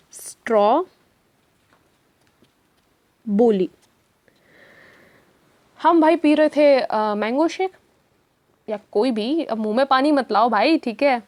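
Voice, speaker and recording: A woman's voice: high-pitched, no room sound. A woman teacher giving an exam-prep lesson, chatty and storytelling, asking her students questions as she goes.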